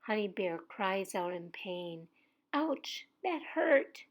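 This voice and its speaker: A woman's voice: on the low side, steady tone, measured pace, close to an everyday voice. A woman voicing a frightened young bear cub in a children's story, pleading and crying out. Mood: pained. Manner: pleading, cries out.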